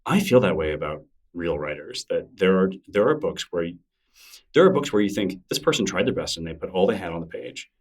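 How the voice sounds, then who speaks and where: This middle-aged man, a guest in a casual interview, has a deep voice with lively intonation and talks a little fast. He was recorded from a distance and rambles thoughtfully, using many fillers and restarts.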